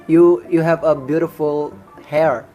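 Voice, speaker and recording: A man's voice: a little high, steady tone, measured pace, mellow, faint music behind. A man from Indonesia, casually chatting and teasing strangers over a video call. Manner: playful, teasing, laughs at his own jokes. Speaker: host singing to strangers on video chat. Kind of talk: casual video-chat banter.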